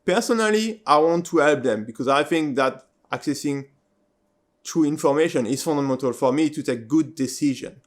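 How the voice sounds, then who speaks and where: A man's voice: a little high, normal speed. A male host whose first language is French, earnestly explaining his point to viewers and often asking "right?". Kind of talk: video introduction and interview.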